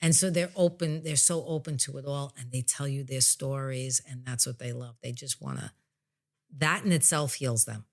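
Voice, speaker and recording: In a bass voice and at a normal pace, a plain-spoken woman talks informally about her spiritual healing work. She is a psychic medium who also hosts a podcast, and her explanation is casual and conversational.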